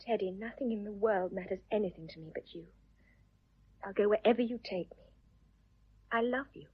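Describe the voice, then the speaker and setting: A woman's voice: medium pitch, normal speed, breathy edge, close to an everyday voice. A woman playing a young married Englishwoman who speaks in a fond, teasing way in a radio play. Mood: tender. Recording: dull lo-fi recording.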